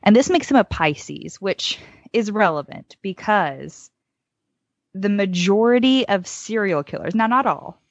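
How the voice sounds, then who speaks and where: A woman's voice: medium pitch, lively intonation, a little slow, dry recording. A woman co-hosting a podcast, telling a true-crime story from notes in an informal, conversational way. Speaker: podcast co-host. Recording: dull lo-fi dry close audio.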